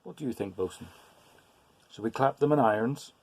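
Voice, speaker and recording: A man's voice: mid-range voice, expressive, normal speed, a little mellow. Man voicing a theatrical, commanding genteel lady, read to a child. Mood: mock stern. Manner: theatrical reading to a young child. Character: thin, genteel lady playing a commanding ship's officer.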